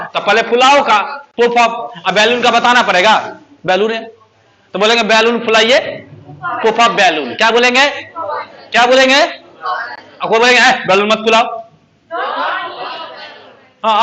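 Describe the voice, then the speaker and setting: A man's voice: high voice, bright, forceful tone. A man teaching a basic English class, joking, laughing often and quizzing his students with repeated questions.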